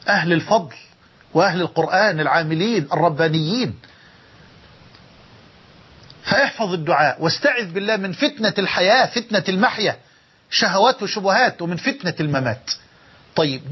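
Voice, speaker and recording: A slightly rough, high-pitched male preacher with an Egyptian Arabic accent moves briskly with lively intonation, pausing often as he tells stories with emotion and repeats key phrases. It's a dull lo-fi recording.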